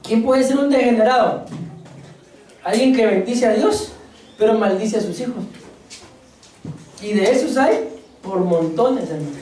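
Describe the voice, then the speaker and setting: A woman's voice: a little high, unhurried, pauses often, mellow, slight background noise. Woman preaching in an echoing hall. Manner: asks the congregation questions, jokes between points. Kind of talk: church sermon. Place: church hall. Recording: very echoey church hall, mic far off.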